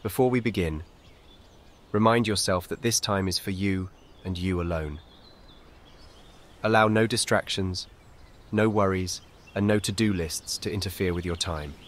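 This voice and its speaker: This guided meditation is scripted narration from a man whose voice sits low, delivered calmly with gentle, brief, soothing prompts at a measured pace.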